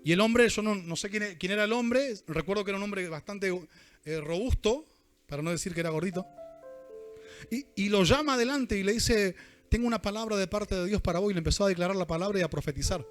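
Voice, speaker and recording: An Argentine man preaching a sermon in a notably high voice. He is animated and keeps throwing questions out to the congregation. Soft music plays faintly underneath. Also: brisk. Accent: Argentine Rioplatense Spanish.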